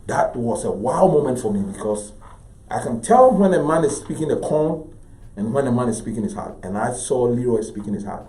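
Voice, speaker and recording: A middle-aged man from Ghana with a Ghanaian English accent, an artist telling anecdotes in an interview with animated delivery. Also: medium pitch, a little fast. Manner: animated, acts out voices in his story. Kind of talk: anecdotal storytelling. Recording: roomy echo.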